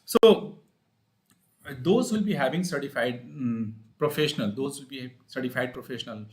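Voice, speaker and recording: Speaking at a medium pitch, a speech-language pathologist with an Indian accent explains things informally on a live advice stream. He teaches in a halting way and tends to repeat himself.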